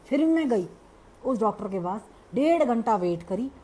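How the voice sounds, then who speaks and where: A middle-aged woman shares a personal spiritual testimony in animated storytelling, slipping English phrases into her talk. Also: a little high, normal speed, husky. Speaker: devotee sharing a testimony.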